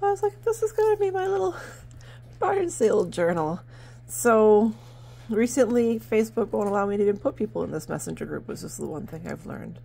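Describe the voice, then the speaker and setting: Filmed on a handheld phone at home, a middle-aged barn sale seller and vlogger from New Hampshire, USA, talks casually and meanderingly about her barn sales, using lots of fillers. Her fairly low voice is warm with vocal fry, and there's slight background noise as she sits at a table indoors.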